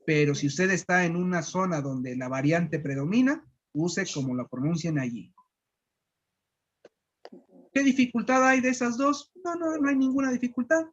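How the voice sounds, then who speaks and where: Un profesor de Guatemala que enseña pronunciación con calma, repitiendo sílabas despacio. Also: mid-range voice, highs cut off. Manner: patient, repeats syllables slowly. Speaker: language teacher. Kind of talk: slow pronunciation lesson.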